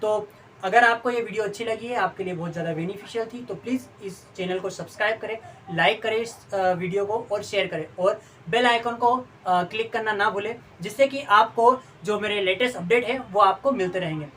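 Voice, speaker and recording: A woman teacher giving a patient online study lesson, often reciting long lists in steady pairs. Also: mid-range voice, a little fast. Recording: distant mic, faint room noise.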